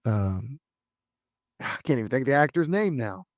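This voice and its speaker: A man's voice: mid-range voice, big pitch swings, moderate pace, dry recording. A man in his forties, a podcast co-host, reading a dramatic history script and breaking into loose, laughing asides. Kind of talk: partly scripted history narration mixed with casual chat.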